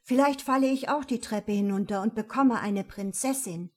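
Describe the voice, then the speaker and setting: A woman's voice: on the high side, normal speed, darkish tone, lightly acted. A woman voicing a naive young fir tree in a fairy tale, asking earnest, wondering questions.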